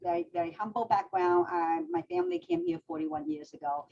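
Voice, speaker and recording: A woman's voice: on the low side, very animated, fairly quick, creaky, dark tone, highs cut off. A woman from Vietnam co-hosting a talk show, chatty and full of fillers as she introduces her guest. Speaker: co-host.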